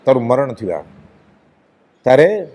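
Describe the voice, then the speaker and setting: A man's voice: mid-range voice, very animated, a little slow, dark tone, voice pushed down. A man voicing an ancient royal charioteer who solemnly consoles a dying lion during a religious discourse. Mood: consoling.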